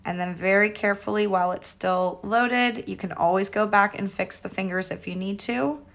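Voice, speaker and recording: A woman's voice: mid-range voice, normal speed, gravelly, fairly bright tone. A woman giving a casual, step-by-step painting tutorial as the instructor, chatty and informal, with an encouraging way of talking.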